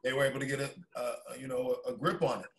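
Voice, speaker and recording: A man co-hosting a casual podcast chat over a video call, telling stories in an excitable, slangy way. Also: mid-range voice, racing, slight background noise. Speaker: podcast co-host.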